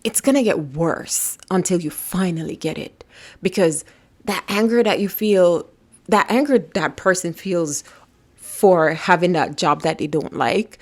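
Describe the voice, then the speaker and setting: Emphatic woman with a low voice. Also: moderate pace. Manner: emphatic, repetitive, drops to a whisper when voicing the body. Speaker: vlogger. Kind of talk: casual self-help talk to camera.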